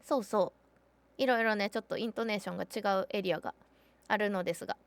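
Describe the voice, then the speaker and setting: A woman's voice: medium pitch, quick pace. A woman with a Kansai accent chatting casually on a game live stream, exclaiming often and thanking viewers. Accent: Kansai Japanese. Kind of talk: casual live-stream chat while playing.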